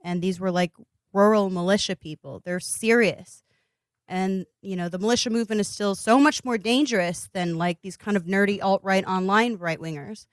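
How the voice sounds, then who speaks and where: A woman's voice: medium pitch, moderate pace, no echo. A woman from Indiana telling a candid, profane story as a podcast guest, laughing as she goes. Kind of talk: casual podcast chat.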